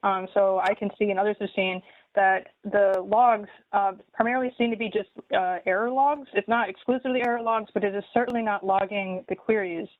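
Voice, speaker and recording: A woman's voice: medium pitch, steady tone, a little fast, no room sound. A woman giving a detailed, methodical public comment at a city meeting. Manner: detailed, methodical, with many ums. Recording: tinny phone-like line.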